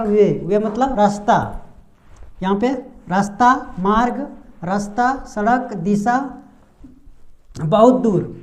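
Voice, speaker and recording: A woman teaching a pronunciation lesson patiently and step by step, pausing on drawn-out fillers and asking the class rhetorical questions. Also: medium pitch, darkish tone. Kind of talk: blackboard-style lesson explanation.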